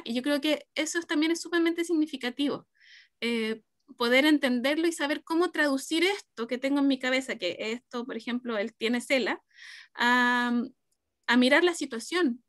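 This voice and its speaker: A woman's voice: high voice, moderate pace, a bit bright, no room sound, studio quality. A woman moderating an academic panel, reflecting aloud before putting her questions to the guests. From Chile. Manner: reflective, asks questions, gestures a lot.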